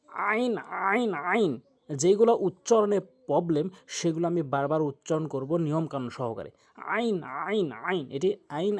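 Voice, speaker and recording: A man's voice: fairly high pitch, darkish tone. A man teaching Quran reading step by step. He patiently drills each letter sound, repeating it several times. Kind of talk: step-by-step pronunciation lesson.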